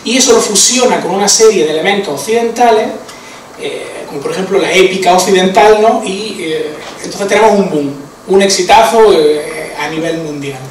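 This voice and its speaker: His voice is high and his pace moderate, with a little hiss or hum in the recording. The Andalusian-accented man from Andalusia, Spain, delivers a casual conference talk, chatty and heavy on fillers and tag questions. The hall echoes, and he sounds distant.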